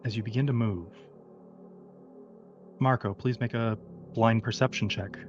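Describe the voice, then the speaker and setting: A man's voice: medium pitch, fairly even intonation, unhurried. A man running a tabletop game, switching between narration and casual table talk as game master. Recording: slightly muffled, faint music behind. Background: faint music.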